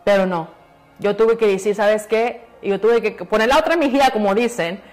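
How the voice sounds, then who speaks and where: A woman's voice: medium pitch, a little fast, darkish tone, faint music behind. A woman, a pastor's daughter, giving an earnest testimony in an interview, repeating phrases for emphasis and slipping in English words. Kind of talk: emotional testimony in a church interview.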